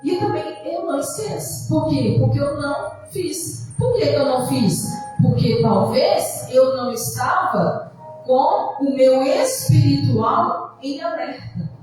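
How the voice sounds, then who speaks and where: A woman's voice: high voice, a little slow, a little mellow. A woman pastor with a Brazilian accent preaching a sermon, telling personal stories in a conversational way. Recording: very echoey church hall from far off with faint music.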